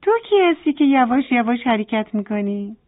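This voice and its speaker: A woman voicing a playful, friendly rabbit in a bedtime story, chatty and lively. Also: on the high side, lightly acted. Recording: tinny phone-like sound.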